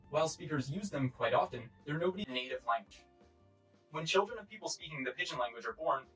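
A man's voice: medium pitch, low-quality recording. A man in his twenties giving a formal, explanatory scripted educational narration. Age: 20s. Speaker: presenter.

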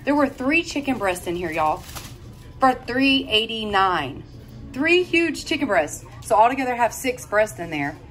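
A very animated woman home cooking vlogger narrates a casual, folksy cook-along indoors in her home kitchen, at normal speed. Her fairly bright voice sits on the high side, with faint music behind and clear sizzling and kitchen noise.

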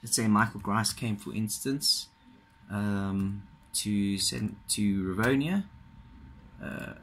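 A man giving a casual, halting walkthrough of a computer system, filmed with a phone pointed at the monitor. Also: lowish voice, slight background noise. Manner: casual, halting, many fillers and restarts. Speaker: software trainer. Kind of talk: screen-recorded software walkthrough. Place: indoors at a desk. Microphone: phone filming a monitor.

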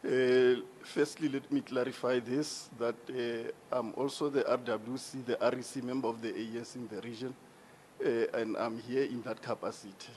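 A man's voice: medium pitch, steady tone, normal speed, a little mellow, slight background noise. A man with a South African accent, a regional party executive, explaining procedure formally into a handheld mic in a large hall. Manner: formal, explanatory, rising emphasis. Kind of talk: town hall debate answer. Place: large indoor hall with seated audience. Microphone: handheld microphone.

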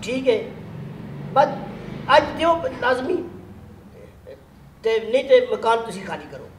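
Man as a hot-headed Pothwari landlord chasing rent, high voice, echoey room. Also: very animated, a little slow, heavily acted. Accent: Pothwari Punjabi. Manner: blustering, demanding, jokey. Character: short-tempered male landlord chasing rent. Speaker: comic actor playing the landlord Mithu. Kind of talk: improvised comedy sketch acting. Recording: echoey room, light noise.

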